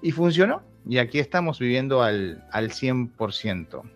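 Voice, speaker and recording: A man's voice: medium pitch, big pitch swings, normal speed. A Uruguayan man in his thirties, a YouTuber talking candidly in an interview, laughing often and restarting his sentences. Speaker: YouTuber guest. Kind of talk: casual interview chat. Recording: dull lo-fi sound with faint music.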